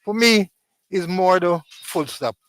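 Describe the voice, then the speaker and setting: Stammering older man, smooth high voice. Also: takes it slowly, a bit bright, no echo, rough recording. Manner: stammering, insistent. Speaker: guest, former police commander. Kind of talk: casual chat.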